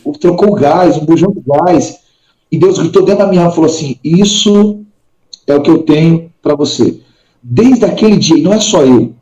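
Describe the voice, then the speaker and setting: Earnest Brazilian man, slightly high voice. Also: mellow, echoey room. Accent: Brazilian Portuguese. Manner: earnest, acts out dialogue in the story. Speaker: podcast guest. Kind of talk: personal faith testimony. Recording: dull lo-fi sound.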